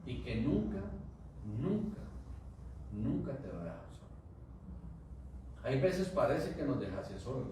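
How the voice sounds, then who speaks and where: A man's voice: medium pitch, very animated, measured pace, long pauses, dark tone, slight background noise. A man pastor preaching a sermon to his congregation, asking them questions and drawing replies. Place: church hall. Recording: echoey church hall from far off.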